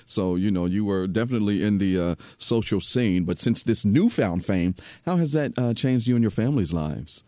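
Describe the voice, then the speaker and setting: Smooth, mellow man with a quiet nighttime radio voice. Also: lowish voice, expressive, normal speed, few pauses, no room sound. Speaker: radio host. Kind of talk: radio interview, casual chat.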